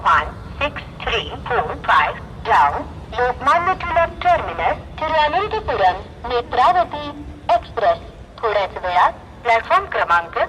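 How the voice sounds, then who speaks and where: Woman announcing over a station loudspeaker. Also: fairly high pitch, big pitch swings. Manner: measured, evenly paced official delivery. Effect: railway station public address loudspeaker. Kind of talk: formal platform announcement. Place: outdoor railway platform. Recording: distant loudspeaker with loud background noise.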